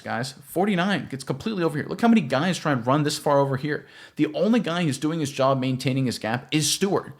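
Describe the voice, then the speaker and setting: A man giving an emphatic, coach-like football film breakdown and talking straight to his viewers. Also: medium pitch.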